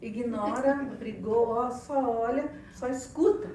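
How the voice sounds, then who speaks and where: A woman with a Brazilian Portuguese accent preaching on family life, animated and playful, acting out little dialogues. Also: a little high, takes it slowly, crowd noise. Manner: animated, playful, acts out quotes. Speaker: church speaker on family life. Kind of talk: lively sermon talk with acted dialogue. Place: church hall. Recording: echoey hall, far from mic.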